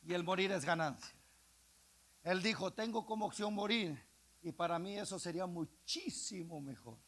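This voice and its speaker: A male evangelist preaching a sermon, swinging from hushed speech to impassioned shouting. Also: sits high, moderate pace. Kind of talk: Pentecostal-style sermon.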